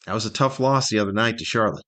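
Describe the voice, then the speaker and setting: A Southern California man aged 50 or more talks quickly in a lowish, fairly bright voice with an American accent. As the solo host of his podcast, he rambles casually and downplays himself.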